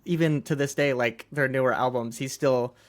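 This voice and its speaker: A man's voice: medium pitch, steady tone, moderate pace. A man co-hosting a music podcast, talking in a loose, rambling way with lots of fillers and easy laughter. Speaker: podcast co-host. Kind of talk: casual chat about music.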